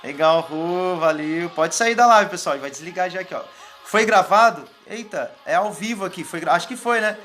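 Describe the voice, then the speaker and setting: High-voiced man chatting on a live stream. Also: normal speed, fairly bright tone, soft background music. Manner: casual, rambling, thanks viewers by name. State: sweating. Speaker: public speaking coach. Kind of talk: live stream chat, reading viewer comments. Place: indoors, warm room.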